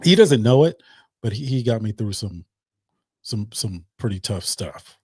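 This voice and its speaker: A man's voice: lowish voice, sing-song, a little slow, darkish tone, slight background noise. A man hosting a casual livestream chat, loose and talkative, often repeating his words. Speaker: host.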